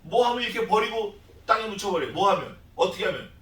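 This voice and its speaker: A male pastor delivers an animated expository sermon, his voice high and bright. He keeps putting questions to the listeners and acting out the voices in scripture. The sound is roomy and a little distant, as if caught from across the sanctuary. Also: fast, a little hiss or hum. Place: church sanctuary.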